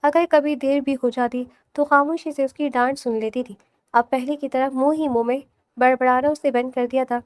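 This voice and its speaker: A woman reads a romantic novel aloud in scripted audiobook narration, soft and steady. Her voice sits high, and the recording is close and dry with no room sound. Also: no echo.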